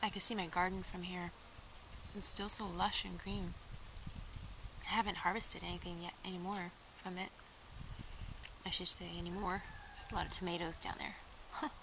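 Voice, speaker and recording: A woman's voice: on the low side, level tone, moderate pace, long pauses, background noise. Woman chatting with her mouth full. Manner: chatty, easygoing, talks to viewers between bites. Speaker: mukbang vlogger. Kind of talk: casual chat while eating. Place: outdoors near a garden.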